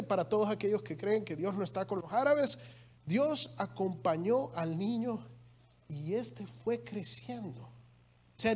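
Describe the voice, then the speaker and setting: A middle-aged male pastor giving a conversational sermon with emphatic rises in his voice. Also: sits high.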